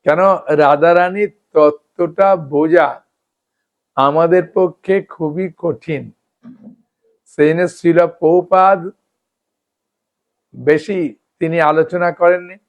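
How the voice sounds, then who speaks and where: A man giving a devotional scripture talk, explaining slowly and often checking in with his listeners. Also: fairly high pitch, steady tone, dull audio. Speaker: devotional speaker.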